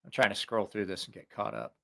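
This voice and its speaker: On a loose, wandering livestream about gear, a man reviews knives, cracking jokes, swearing, and drifting onto tangents while his allergies leave him a little winded. His voice sits lowish with a creaky edge and a fairly bright tone, and he talks fairly quickly with lots of animation.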